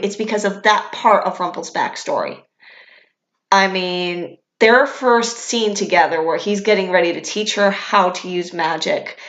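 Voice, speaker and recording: A woman's voice: mid-range voice, a bit bright. A young woman, a vlogger, talking candidly and enthusiastically as a fan in casual commentary, with some casual swearing. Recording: echoey room.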